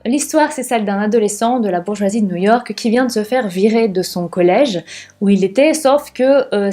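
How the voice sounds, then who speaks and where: A woman's voice: on the high side, mellow. A young woman casually reviewing books she has read, chatty and candid, with frequent fillers. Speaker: book vlogger.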